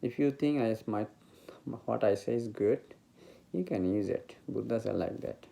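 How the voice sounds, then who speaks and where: This man, a meditation teacher, speaks English as a second language with a Bengali accent, halting and searching for words in an informal talk on meditation. His voice sits on the low side, creaky and dark in tone.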